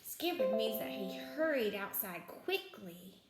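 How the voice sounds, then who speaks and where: A woman with a medium-pitched, animated voice reads a picture book aloud as a teacher, taking it slowly and adding simple explanations and questions for young children. The room is echoey and there's background noise.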